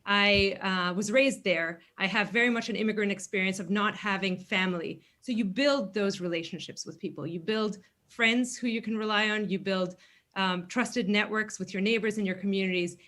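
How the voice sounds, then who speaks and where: A woman's voice: medium pitch, normal speed, a bit bright. A woman in her thirties from Greece, a congressional candidate answering questions earnestly in a virtual forum, with frequent fillers. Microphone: video call.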